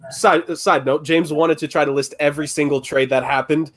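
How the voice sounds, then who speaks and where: A man's voice: on the high side, steady tone, brisk, fairly bright tone. A man co-hosting a sports podcast, chatting casually and steering the talk along. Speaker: podcast co-host.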